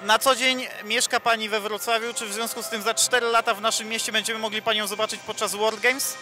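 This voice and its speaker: A man's voice: sits high, little pitch movement, fast. A male reporter asking athletes formal questions in a post-event sports interview.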